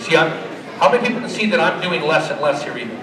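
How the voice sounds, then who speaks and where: A man's voice: on the high side, fast talker. Folksy showman in an echoey expo hall. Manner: folksy, joking, motivational showman. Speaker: horse trainer giving a live demo. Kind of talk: live demonstration and pitch to an audience. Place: large indoor horse expo arena. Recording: echoey expo hall, distant, crowd noise. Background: crowd.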